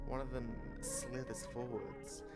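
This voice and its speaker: A man's voice: medium pitch, little pitch movement, unhurried, loud music behind the voice, natural voice. A man reading scripted second-person narration for a story game in a dramatic storytelling manner.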